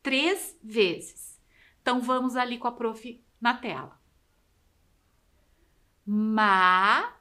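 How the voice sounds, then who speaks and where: A Brazilian woman teacher giving a lesson to children, spelling words out slowly and sounding out syllables with exaggerated care. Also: fairly high pitch, fairly bright tone. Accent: Brazilian Portuguese. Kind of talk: slow, drawn-out classroom instruction for children.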